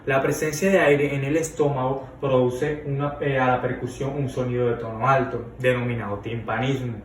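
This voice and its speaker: A man explaining an abdominal examination as a lesson, often pausing with fillers and restarting words. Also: mid-range voice, flat delivery. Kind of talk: medical demonstration lesson. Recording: roomy, distant mic with faint noise.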